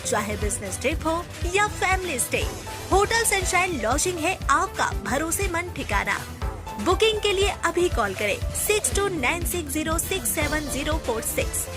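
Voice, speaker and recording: A woman's voice: very high-pitched, big pitch swings, moderate pace. A woman with an Indian accent reading a scripted hard-sell advertisement as an emphatic promotional announcer. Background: music.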